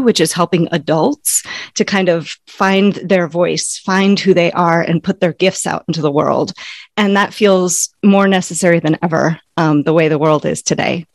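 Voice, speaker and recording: A woman in her forties, an author and educator, answering interview questions in a thoughtful, measured way. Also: fairly low pitch, dry recording. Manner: thoughtful, measured, occasional soft laughs.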